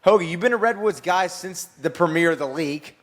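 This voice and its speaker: A man's voice: sits high, a little fast. A man hosting a sports podcast, teasing his co-hosts in casual banter. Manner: joking, teasing. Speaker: podcast host.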